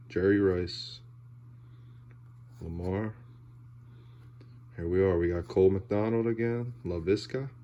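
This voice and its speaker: A man giving casual, laid-back commentary as he opens card packs, halting and trailing off, with audible heavy breathing. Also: sits low, warm tone, slight background noise. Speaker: host of a sports card pack-opening video.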